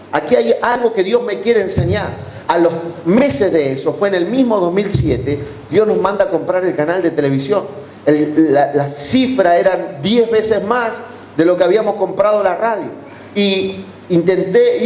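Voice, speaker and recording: A man with an Argentine Spanish accent preaching a sermon as a pastor, telling testimonies with lively acted-out dialogue. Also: high-pitched. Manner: animated storytelling, acting out dialogue. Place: church meeting hall. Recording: echoey hall with faint noise.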